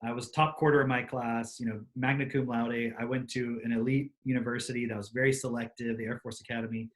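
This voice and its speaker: A man's voice: medium pitch, level tone, quick pace. A man co-hosting a live stream over a video call, explaining casually and often checking that others agree. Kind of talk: casual chat.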